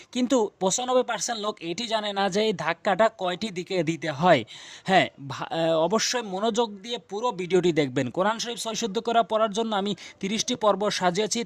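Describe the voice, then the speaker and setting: A man teaching correct Quran recitation, explaining each rule and drilling sounds by repeating them slowly and emphatically. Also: sits high, no room sound. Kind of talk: instructional explanation.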